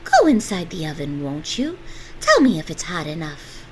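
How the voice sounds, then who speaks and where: A woman's voice: sits low, wildly swooping pitch, moderate pace, a little hiss or hum, rough recording. A woman voicing a snapping old witch. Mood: sly. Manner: loud, snapping and barking. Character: cranky old female witch, greedy and sly. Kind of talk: storybook read-aloud.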